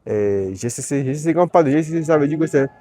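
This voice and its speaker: A man's voice: a little high, expressive, fast talker, dark tone. A man giving casual, rambling commentary while walking around an outdoor used car auction lot, filming on a handheld phone. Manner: chatty and rambling, sprinkled with tags and asides.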